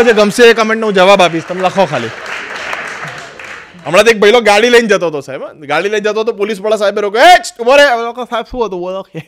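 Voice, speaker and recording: A man's voice: high voice, noisy background. A man with a Gujarati accent telling jokes as a stand-up comedian, acting out the people in his stories. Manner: animated storyteller acting out quoted voices.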